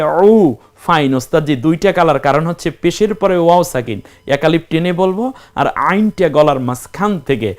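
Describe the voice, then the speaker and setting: A man teaching Quran reading, asking questions and answering them himself while spelling out letters one at a time. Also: on the high side. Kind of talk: step-by-step recitation lesson.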